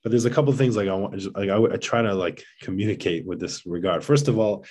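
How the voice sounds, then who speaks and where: Speaking fast in a lowish, slightly mellow voice, a man who is a father of seven joins a podcast as a guest. His casual explanations are earnest and emphatic.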